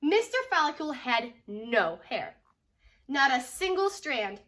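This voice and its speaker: Taking her time, a woman with a high-pitched voice reads from a children's storybook as a teacher would. Her delivery is expressive, with emphasis on key, repeated words and questions directed at listeners.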